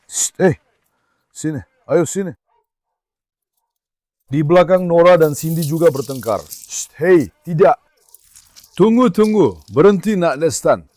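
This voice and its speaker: A man's voice: fairly high pitch, measured pace, pauses often, a little mellow, no room sound. A man running a casual farm vlog, coaxing and calling his dogs and chatting to viewers between. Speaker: farm owner and dog keeper.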